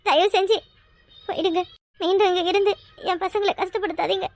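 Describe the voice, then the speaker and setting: A woman voicing a tearful mother, very high. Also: fairly even intonation, brisk, no room sound, clean studio sound. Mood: sorrowful. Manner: tearful, earnest pleading. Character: loyal wife and mother, sorrowful but firm. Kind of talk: cartoon voice acting.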